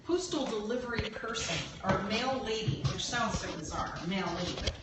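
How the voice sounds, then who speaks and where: A woman's voice: medium pitch, animated, moderate pace. A woman co-hosting a podcast in casual chat, chatty and laughing as she tells stories. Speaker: podcast co-host. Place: workshop at a rural property. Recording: roomy, distant and noisy.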